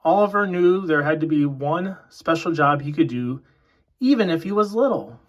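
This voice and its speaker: A man with a fairly high, animated voice reads a children's picture book aloud. He phrases each line deliberately, in the style of a read-aloud for young listeners.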